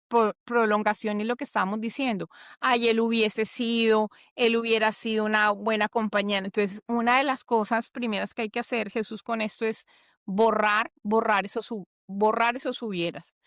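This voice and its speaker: A woman's voice: a little high, flat delivery, moderate pace, fairly bright tone, no echo, studio quality. A woman psychologist, explaining in a conversational interview and acting out the voices of people she quotes. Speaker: psychologist guest.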